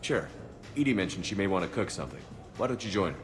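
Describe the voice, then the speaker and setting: A man playing a calm, amused military commander in a video game, easygoing and lightly wry. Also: deep voice, quick pace. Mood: relaxed. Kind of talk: video game character acting. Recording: reverberant hall, game music behind.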